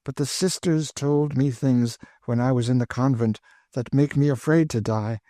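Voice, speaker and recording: A man's voice: mid-range voice, moderate pace, dark tone, no echo, pitched above the performer's own voice, close to an everyday voice. A man voicing a weary, despairing woman who speaks with dry bitterness. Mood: bitter.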